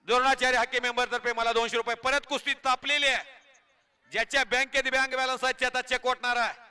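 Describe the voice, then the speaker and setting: High, piercing wrestling announcer hollering live. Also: male voice, brisk, clean tone. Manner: excited, shouting, hollering at the crowd. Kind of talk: live loudspeaker commentary. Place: outdoor wrestling ground.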